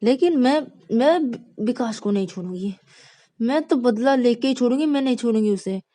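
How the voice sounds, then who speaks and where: Hot-headed young girl, high and loud, played by a woman narrator. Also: measured pace, no echo, close to an everyday voice. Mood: angry. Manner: shrill, indignant outbursts. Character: angry young woman, hot-tempered and vengeful.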